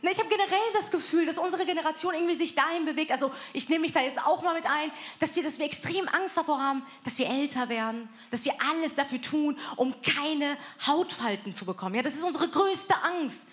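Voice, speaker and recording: Her voice is high-pitched, fairly bright and animated, coming fairly quick with few pauses. She's a thirties-aged comedy show host and comedian doing brash, self-mocking stand-up live in a club, announcing acts with energy, recorded on a stage mic over the audience's laughter.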